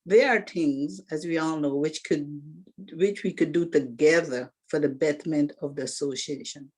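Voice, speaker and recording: A woman in her sixties, originally from Guyana, delivers a prepared speech as a candidate for the presidency of an alumni association. Her voice is deep, slightly rough and a little mellow, her pace moderate, and her tone earnest and organized despite occasional restarts.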